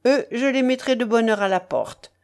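A woman reading the part of a hot-tempered young man who greets an old friend with gushing warmth. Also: fairly high pitch, expressive. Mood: effusive urgent. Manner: quick-tempered, then warmly effusive.

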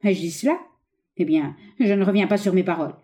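A woman reading an audiobook, voicing a ruthless, scheming young man who speaks in an urgent, forceful, raised voice. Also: fairly low pitch, brisk, close to an everyday voice.

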